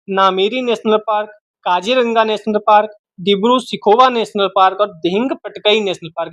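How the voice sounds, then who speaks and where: A man's voice: high voice, fairly bright tone, dry recording, dull audio. A man teaching a map-based geography lesson for exam students, repeating each name and asking and answering his own questions.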